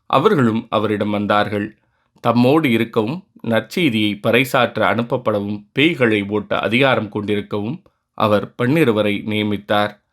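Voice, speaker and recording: A man reads the daily scripture passages in a measured, solemn liturgical style. His voice sits somewhat low, and his steady pacing suits reading aloud in church. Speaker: scripture reader.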